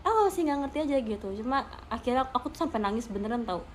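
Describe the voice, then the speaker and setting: A woman's voice: on the high side, expressive, racing. A young woman chatting casually on a livestream to her fans, laughing often and appealing to viewers with emphatic asides. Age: young adult. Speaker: idol streaming to fans.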